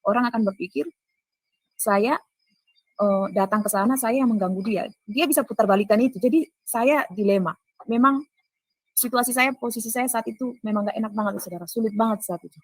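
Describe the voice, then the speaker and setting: A woman's voice: fairly high pitch, fairly quick, no room sound, low-quality recording. A woman giving an earnest spoken testimony. She addresses her listeners directly and acts out the dialogue she quotes. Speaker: testifying speaker.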